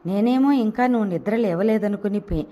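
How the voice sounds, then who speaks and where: A woman's voice: mid-range voice, brisk, warm tone, lightly acted. A woman voicing a sarcastic, teasing young man who needles his younger cousin in an audio novel. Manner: mocking, sarcastic retorts.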